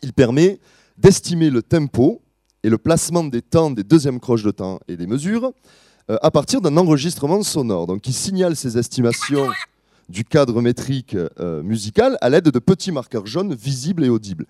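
Animated, mellow-voiced male lecturer. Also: medium pitch, dry recording, studio quality. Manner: measured, explanatory, with frequent fillers. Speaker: musicologist lecturer. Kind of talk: academic presentation.

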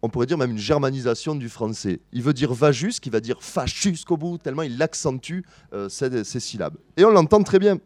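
Male academic lecturer, animated pitch, mellow tone, explanatory delivery with fillers and self-corrections. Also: brisk, few pauses. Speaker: musicology lecturer. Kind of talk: academic presentation to a live audience.

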